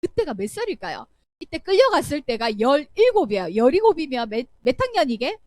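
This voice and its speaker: Brief: young woman, animated children's Bible storyteller, high pitched and very lively. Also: fairly quick, no echo. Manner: animated, acts out voices, asks children questions. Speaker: Sunday school teacher.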